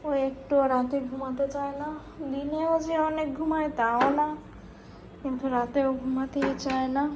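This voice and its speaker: A woman's voice: sits high, steady tone, normal speed, background noise. A woman, vlogging at home at night and coaxing her toddler daughter in sing-song baby talk. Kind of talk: casual vlog chat to camera and toddler.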